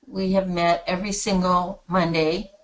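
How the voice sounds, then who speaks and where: A woman taking part in a group call, sharing her thoughts in a hesitant, halting way. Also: lowish voice, flat delivery, poor audio. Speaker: course participant. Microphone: online conference call.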